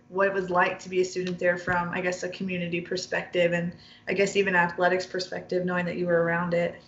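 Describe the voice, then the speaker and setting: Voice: mid-range voice, fairly bright tone. An interviewer asking questions in a hesitant way with fillers. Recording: roomy, dull lo-fi audio.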